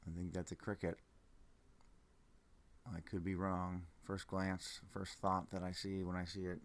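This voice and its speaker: A man's voice: deep voice, level tone, measured pace. A groggy man who has just woken up, musing casually and unhurriedly as he sells specimens on a livestream, trailing off mid-thought. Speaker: live auction seller showing amber specimens.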